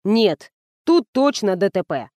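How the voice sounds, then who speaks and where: A woman reading the part of a blunt male general who speaks slowly. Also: mid-range voice, sing-song, darkish tone, no room sound, clean studio sound.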